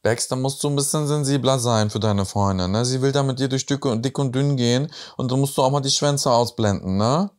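A man's voice: mid-range voice, a little fast, hardly any pauses, a little mellow. A young man hosting a reaction video, commenting casually and teasingly on a reality show. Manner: chatty and teasing, tag questions.

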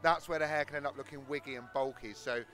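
Backstage at a big exhibition hall, a South London hairdresser in his thirties explains his craft into a handheld mic while showing his technique. He speaks fast and forcefully, with a bright, mid-range voice and fairly even intonation.

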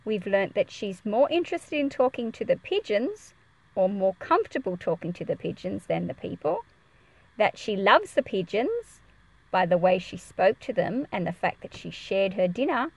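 A woman with a mid-range, creaky voice reads a picture book aloud to children at a normal speed, explaining it expressively and asking them questions. She's a read-aloud presenter teaching young listeners. The recording is muffled, with no room sound.

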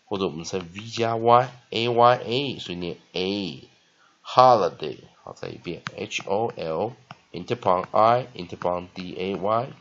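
A man gives a phonics and spelling lesson, breaking words into letters and syllables with many short fillers. He talks slowly in a lowish voice. The recording sounds dull and lo-fi. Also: fairly bright tone. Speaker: English vocabulary teacher.

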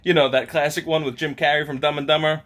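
A man in his thirties with a voice on the high side talks fast as he hosts a casual car-parts vlog. Filming in his home garage workshop with a camera held at arm's length, he's excited, upbeat, and chatty, laughing along the way.

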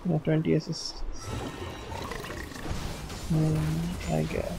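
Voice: medium pitch, monotone, drawn-out words, vocal fry, music in the background. A gameplay commentator who chats casually while playing and slips into Hindi phrases. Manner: chatty, mixes in Hindi phrases. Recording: noisy home recording.

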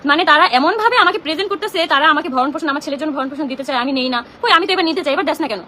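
A young woman speaking very fast in a high, piercing voice, her words tumbling out in an agitated, confrontational rant. Her tone is bright and tense throughout. It sounds like a live stream on a phone, with faint room ambience behind her. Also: slight background noise. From Bangladesh. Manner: agitated, indignant, rapid-fire and confrontational. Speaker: social media content creator. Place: home.

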